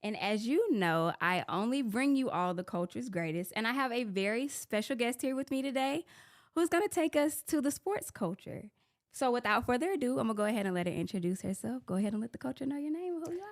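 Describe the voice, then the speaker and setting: A woman's voice: fairly high pitch, animated, quick pace. A woman from Florida hosting a podcast interview, talking in a loose, chatty way with plenty of "like". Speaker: podcast host. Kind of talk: casual interview chat.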